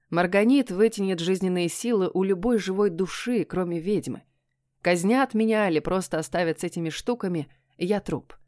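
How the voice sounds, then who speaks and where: A woman narrating a first-person fantasy audiobook in a hushed, tense storytelling manner. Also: fairly low pitch, no room sound, studio quality.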